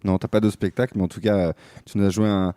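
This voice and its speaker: A man's voice: lowish voice, little pitch movement, fast talker, dark tone, dry recording, studio quality. A man hosting a podcast, chatty and casual, often restarting his sentences. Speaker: podcast host.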